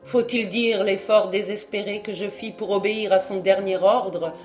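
An audiobook reader narrating a classic novel in the first person, in a measured, literary style. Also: mid-range voice, steady tone, a little mellow, soft background music. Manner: slow, measured reading.

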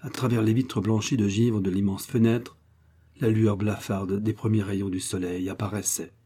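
Low, husky male audiobook narrator. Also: fairly even intonation, moderate pace, warm tone. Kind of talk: scripted narration of an adventure novel.

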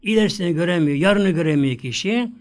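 A male preacher giving a religious sermon, reciting verses slowly and repeating his points insistently, swinging between raised lines and near-whispers. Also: sits high, animated. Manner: recites Arabic verses slowly, then explains them; repetitive, insistent preaching cadence.

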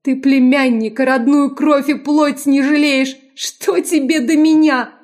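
A woman's voice: high-pitched, fairly even intonation, a little slow, a little mellow, pitched above the performer's own voice. Woman voicing a sobbing, pleading young noblewoman. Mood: bitter. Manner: pleading, tearful and breathless. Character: terrified young noblewoman begging for her life.

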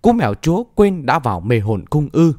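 Man doing sly gatekeeper woman, mocking, curt, lively pitch. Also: fairly quick, no echo, clean studio sound.

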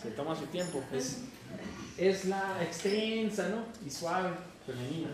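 A man from northern Mexico with a northern Mexican accent, teaching a class, joking and calling on students by name while repeating sounds slowly. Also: high-pitched, lively intonation, far from the mic, slight background noise. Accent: northern Mexican Spanish. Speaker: Esperanto teacher. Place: university classroom. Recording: very echoey classroom taped from afar.

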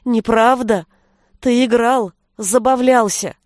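Woman doing a hurt young village girl, teary and high, pleading, dry sound. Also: steady tone, slow pace, darkish tone, dry recording. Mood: stubborn tearful.

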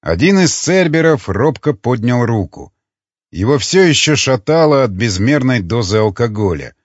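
Expressive male audiobook narrator. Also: mid-range voice, moderate pace, no echo, highs cut off. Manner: expressive dramatic reading. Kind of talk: scripted narration.

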